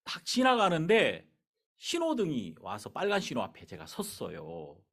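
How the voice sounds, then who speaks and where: Male pastor, middle-aged, sermon storytelling, pitch swinging wildly, slightly high. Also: moderate pace. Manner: animated, conversational storytelling.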